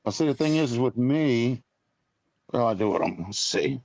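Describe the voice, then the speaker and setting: A man's voice: medium pitch, animated, normal speed, gravelly, darkish tone, no echo. A man in his fifties chatting casually on a live stream, talking in a rambling, blunt way with some mild cursing. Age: 50s.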